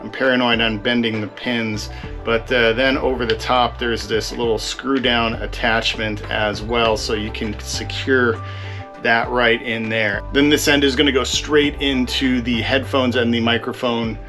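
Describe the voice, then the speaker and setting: A man's voice: mid-range voice, steady tone, a little slow, sharp tone. A man giving a casual hands-on review of diving equipment, explaining it as a gear reviewer. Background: guitar music.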